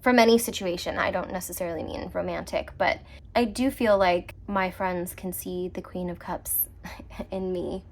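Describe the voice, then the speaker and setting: A woman talks through a tarot reading about herself in a relaxed, confiding way. She laughs often and pauses to rethink her words, so her sentences trail off and restart. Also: lowish voice, creaky. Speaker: tarot reader. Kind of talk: casual personal tarot reading.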